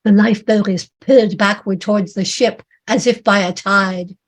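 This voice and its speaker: A woman author reading her own dramatic story aloud in a measured, vivid way. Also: mid-range voice, steady tone.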